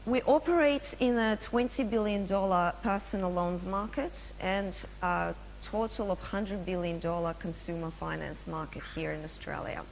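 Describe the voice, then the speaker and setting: The speaker is a woman at a conference with a Russian accent and a gravelly, mid-range voice, fairly even in intonation and normal in pace. Her business presentation is full of fillers and restarts, she asks the audience questions, and the sound carries long hall reverb and a faint hum.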